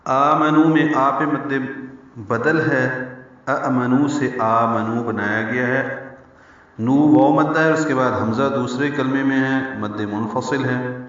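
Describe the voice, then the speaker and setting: Male recitation teacher, deliberate lecture style, heard from a distance in a very echoey room. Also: mid-range voice, fairly even intonation, a bit bright. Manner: slow, deliberate explanation, chanting example words. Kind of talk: tajweed lesson with recited examples. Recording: very echoey, distant, dull sound.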